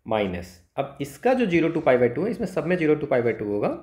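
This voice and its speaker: A man with an Indian accent, speaking fairly high, very animated, at normal speed, with a darkish tone. Like a maths tutor giving a step-by-step exam lesson, he walks through worked solutions, repeating phrases and checking understanding with short tags. The recording is echoey and roomy.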